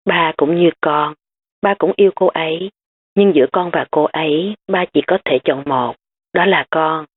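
A woman reading the lines of a gentle, grieving young father comforting his daughter in an audiobook. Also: deep voice, moderate pace, slightly rough. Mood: soothing. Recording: tinny phone-like sound.

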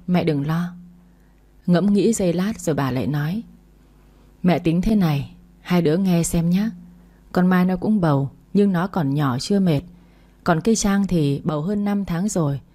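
Low, mellow-voiced woman telling a story. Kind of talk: first-person story narration.

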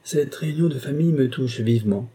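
A man voicing a frail elderly marquis who speaks gently and gratefully. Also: medium pitch, fairly quick, breathy edge, pitched above the performer's own voice, lightly acted. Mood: touched.

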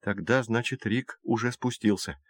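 A young boy talks in a steady, matter-of-fact way, as a male narrator puts him on. The sound is dry and close. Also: mid-range voice, normal speed, slightly rough, no room sound, close to an everyday voice.

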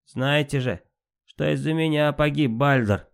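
A defiant male fire god of myth, full of scorn and mockery, voiced by a man reading the tale aloud. He speaks higher and louder than the reader's own voice, taunting gods to their faces. A storybook performance of a spiteful trickster. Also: measured pace, gravelly, smooth. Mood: calmer, taunting. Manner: mocking, defiant.

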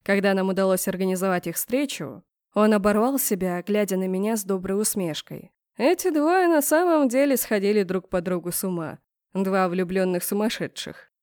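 A woman narrating a first-person novel as an audiobook, in a mid-range voice. Her telling is even and steady, rising where the tension builds. The recording is dry and close, with no room behind it. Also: mid-range voice, moderate pace, dry recording.

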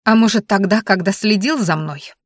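A woman voicing an indignant, sharp-tongued young woman who keeps accusing and shouting. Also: medium pitch, moderate pace, no room sound, clean studio sound, lightly acted.

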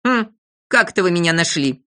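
A woman voicing a clever, calm little boy from a storybook, composed and reasoning. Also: lowish voice, normal speed.

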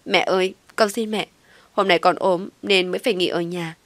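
A woman's voice: on the low side, fairly even intonation, moderate pace, fairly bright tone, dry recording, close to an everyday voice. Woman playing a scheming young wife. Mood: pleading. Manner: defiant, then whiny begging. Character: scheming young pregnant wife, sharp-tongued.

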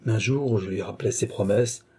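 A man voicing a grieving, remorseful young woman as she tells her story in an audiobook, in a measured, confessional way. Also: lowish voice, dark tone, breathy edge. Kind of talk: audiobook reading.

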